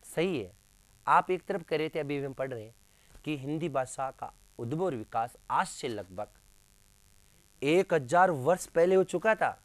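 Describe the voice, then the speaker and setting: Slow, emphatic male grammar teacher. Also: a little high, animated, no echo. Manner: asks questions then answers them himself, repeats key terms; addresses listeners as friends, emphatic. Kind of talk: classroom lecture.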